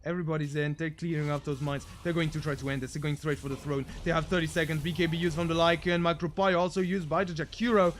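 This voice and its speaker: A man casting a video game match as comedic commentary, excitable and jokey, swinging between muttered asides and shouted hype. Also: fairly high pitch, fast talker, few pauses, slight background noise. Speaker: game caster.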